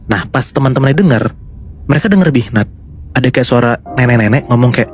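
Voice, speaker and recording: A man's voice: medium pitch, lively intonation, fast talker, slight background noise. A man casually telling a horror story to his co-hosts, chatty and building suspense. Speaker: storyteller host.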